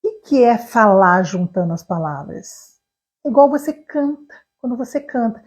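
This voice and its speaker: Brazilian woman, english teacher, quick and emphatic, fairly high voice, talks straight to viewers. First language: Portuguese. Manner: fast, animated and emphatic, addressing viewers directly. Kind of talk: online English lesson.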